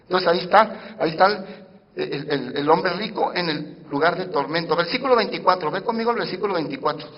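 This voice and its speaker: A man preaching a sermon to his congregation, swinging between loud emphasis and hushed asides and asking the church questions directly. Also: high-pitched, fairly quick. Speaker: pastor. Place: church sanctuary. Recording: muffled church sound with long reverb.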